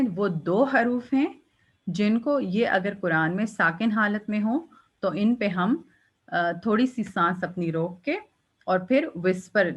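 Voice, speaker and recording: A woman teaching Quranic recitation rules, explaining patiently and demonstrating each letter with a drawn-out, breathy release. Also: mid-range voice. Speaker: tajweed teacher. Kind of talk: step-by-step recitation lesson.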